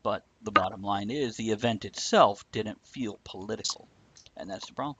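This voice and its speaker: A man with a fairly low voice at normal speed hosts a live talk show, with background noise audible. He answers live viewer comments in a casual, blunt, opinionated way and swears freely.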